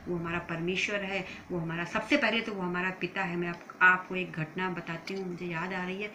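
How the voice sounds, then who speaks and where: A woman's voice: medium pitch, bright, forceful tone, slight background noise, low-quality recording. A woman from India preaching a sermon with emotional, emphatic bursts.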